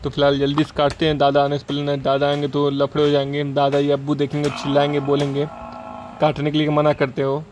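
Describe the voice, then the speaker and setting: A man's voice: a little high, completely flat delivery, fast, low-quality recording. A young man giving a casual running commentary for his village vlog while riding and shopping outdoors. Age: young adult. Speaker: vlogger. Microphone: camera at arm's length. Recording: loud street noise behind.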